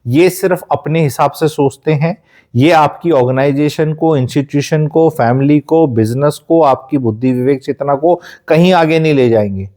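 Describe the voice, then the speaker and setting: A man's voice: fairly high pitch, dark tone. A man from India giving life advice in an emphatic, lecturing way, dropping English phrases into his talk.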